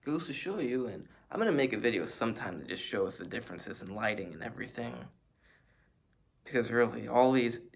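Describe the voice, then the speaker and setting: A man with a mid-range, expressive voice talks briskly with vocal fry. He's vlogging about fitness, rambling to the camera in front of him and poking fun at himself as he shows off poses.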